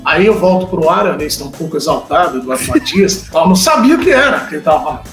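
A man with a high voice tells a sports reporting story in relaxed conversation, switching into the voices of the people he quotes. The room sounds roomy and echoey. Faint music plays in the background. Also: fast talker. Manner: animated anecdote-telling, acts out quoted dialogue. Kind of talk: casual storytelling chat.

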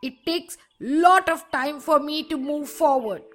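A woman's voice: high voice, soft background music, pitched above the performer's own voice. A woman doing a grumbling crocodile. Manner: grumbling, quick complaining. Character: grumbling male crocodile, a sly hunter.

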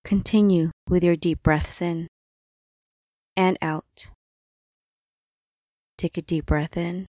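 A woman leads a body-scan meditation in a soft, soothing voice that sits a little low. She speaks very slowly, leaving long pauses between instructions. The recording is close and dry, with no room sound. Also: steady tone, no echo. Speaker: meditation guide.

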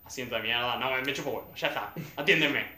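A young man with an Argentine accent, animated as he tells a story to friends and laughs along the way. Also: mid-range voice, quick pace. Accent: Argentine Spanish. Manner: animated, laughs through his own story. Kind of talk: casual storytelling among friends. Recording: echoey room, faint background hum.

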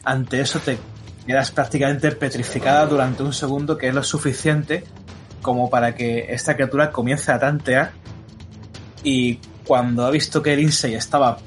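A man's voice: medium pitch, normal speed. Spanish man narrating as game master. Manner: descriptive, steady, full of fillers. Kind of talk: narrating a horror tabletop game. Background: background music.

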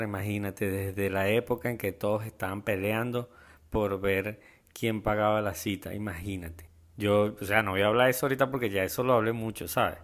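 Slangy Venezuelan man, lowish voice. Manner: rambling, slang-heavy, joking. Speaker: podcast host. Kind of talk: casual solo podcast chat.

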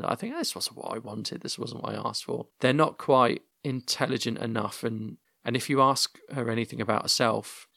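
A man with a gravelly, creaky voice hosts a casual podcast chat, telling anecdotes and musing aloud. The sound is dry and close with no room echo. He often restarts his sentences as he thinks. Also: medium pitch, fairly bright tone.

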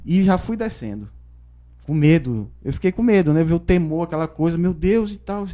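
A man, a pastor giving his conversion testimony in a podcast interview, telling it in a lively storytelling way with frequent tag questions. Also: a little high, normal speed. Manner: storytelling, animated, frequent "né?" tags.

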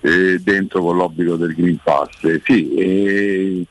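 A man with a hoarse voice that is giving out, talking haltingly and informally as a restaurant owner promoting his place on the radio. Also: low-pitched, steady tone. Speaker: restaurant owner, guest caller on a radio show.

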